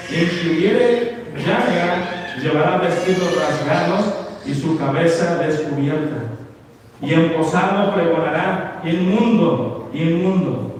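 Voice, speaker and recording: A man preaching a sermon, often calling out to his brothers and asking for agreement, dropping soft and low, then rising into emphatic cries. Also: a little hiss or hum. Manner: addresses listeners as brothers, frequent tag questions; swings between soft low passages and raised emphatic cries. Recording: echoey church hall from far off.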